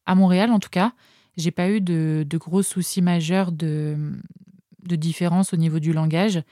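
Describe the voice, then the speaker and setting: A young French nurse telling anecdotes in a casual, hesitant way, pausing often with filler sounds. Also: female voice, on the low side, steady tone, mellow, dry recording, studio quality. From France. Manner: hesitant, many filler pauses. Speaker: nurse, interview guest.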